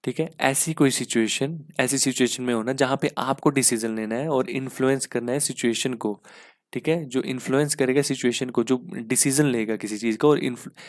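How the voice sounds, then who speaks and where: A man teaching English for an exam in a mix, explaining step by step with rhetorical questions and spelling words out slowly. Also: mid-range voice, steady tone. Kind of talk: exam-prep lesson in Hindi-English mix.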